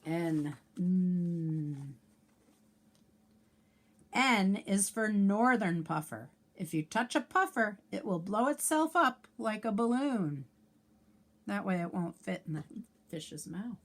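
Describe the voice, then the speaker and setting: With a mid-range voice, a female teacher gives a slow, lively, sing-song reading of a children's alphabet picture book. She clearly enunciates letters for young kids and speaks to them directly with asides and questions.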